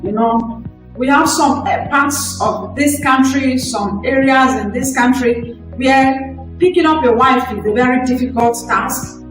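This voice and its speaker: A woman hosting a talk show, presenting with an emphatic, drawn-out delivery. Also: high voice, very echoey, distant mic, rough recording. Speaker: host.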